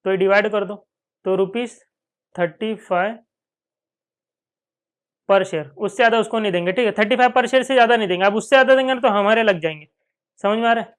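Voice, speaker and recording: A man's voice: high voice, fairly quick, long pauses, fairly bright tone, clear, resonant tone. A man with an Indian accent lecturing in a Hindi-English classroom, asking and answering his own questions and repeating key points. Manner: acts out students' questions in dialogue. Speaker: finance lecturer.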